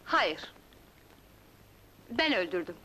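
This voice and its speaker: An actress playing a commanding older sister in an old film drama, urgent and forceful in her speech. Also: mid-range voice, big pitch swings, extremely slow, noisy background. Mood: defiant. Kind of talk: 1960s film acting.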